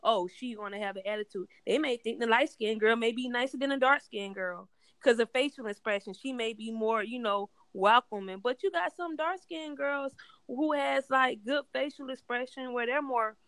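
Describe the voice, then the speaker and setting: Woman co-host, emphatic and loud, higher voice, dry close sound. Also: normal speed, no room sound. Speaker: co-host, teacher. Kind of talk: casual podcast discussion.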